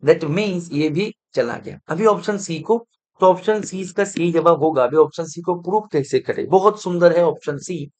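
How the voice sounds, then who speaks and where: A man's voice: fairly high pitch, moderate pace, a little mellow. Male math tutor, live online lecture, coaxing and chatty, keeps asking students to confirm. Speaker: math teacher.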